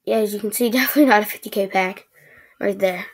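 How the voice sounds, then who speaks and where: A woman giving excitable, chatty commentary while opening packs in a video game, often stammering. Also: mid-range voice, quick pace, husky. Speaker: gaming video creator. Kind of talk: casual gaming commentary.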